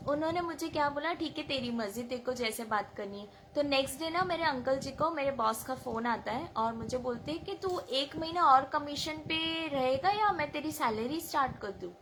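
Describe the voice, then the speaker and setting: Bright high-voiced woman telling a devotional story. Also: a little hiss or hum. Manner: animated, acts out her own past words. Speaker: devotee sharing a testimony.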